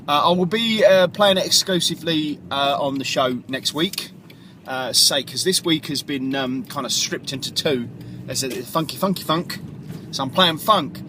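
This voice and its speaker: A man's voice: fairly high pitch, moderate pace, noisy background. A radio DJ, talking casually and in a rambling, self-correcting way as he previews his show from a car.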